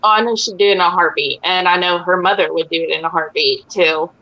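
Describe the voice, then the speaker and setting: A young mother talking as a guest over a video call, hesitant and emotional, with many pauses and "um"s. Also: lowish voice, muffled recording. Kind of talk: casual interview talk.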